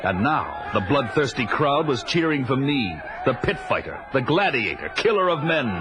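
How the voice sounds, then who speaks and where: A man's voice: mid-range voice, very animated, normal speed, noisy background, close to an everyday voice. An actor playing a fierce, proud barbarian warrior who recounts his life in grandiose, theatrical audio-drama style. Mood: grand, brooding. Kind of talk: dramatic first-person narration, 1980s audio drama. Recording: dramatic music under the voice.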